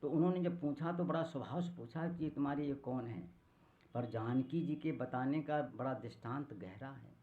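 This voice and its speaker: A man in his eighties giving a devotional discourse, slowly chanting verses and acting out quoted women. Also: mid-range voice. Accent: Hindi, north Indian. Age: 80s. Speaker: katha preacher. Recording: phone-like narrow band.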